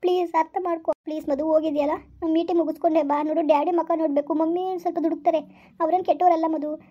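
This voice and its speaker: High pleading young woman, dull audio. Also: fairly even intonation, fast talker, mellow. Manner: pleading, hurt, repeats "please". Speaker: wife in a family skit. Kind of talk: scripted family drama.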